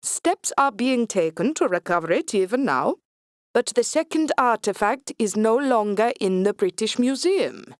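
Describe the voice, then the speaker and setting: A woman's voice: a little high, lively intonation, measured pace, dry recording. A pompous male Nazi commander with a Swedish accent, as a woman reader puts him on. He speaks in a stiff, formal, commanding way. The storybook voice is close and dry. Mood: coldly superior. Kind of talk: audiobook character voice.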